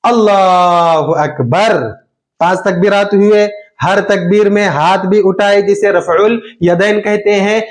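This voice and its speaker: A man's voice: sits high, little pitch movement. A man, patiently explaining step by step how to perform a prayer. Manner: slow, patient explaining with drawn-out takbirs. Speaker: religious teacher.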